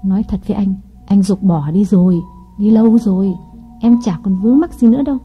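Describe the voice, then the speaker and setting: A woman's voice: mid-range voice, slightly rough. A woman voicing a coaxing, calculating wife. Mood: deliberate. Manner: coaxing and deliberate. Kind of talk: audiobook reading. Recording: dull lo-fi audio with faint music.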